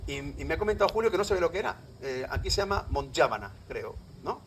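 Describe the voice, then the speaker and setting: A man's voice: fairly high pitch, sing-song, fast, a little hiss or hum, rough recording. A middle-aged man from Andalusia with an Andalusian Spanish accent gives a live public talk as a lecturer, often quizzing his audience. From Andalusia, Spain.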